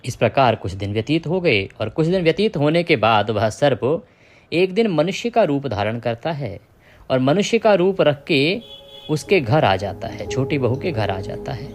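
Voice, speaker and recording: A man who hosts a devotional channel, narrating a religious story in a measured, reverent way and speaking to his devotees. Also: a little high. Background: music.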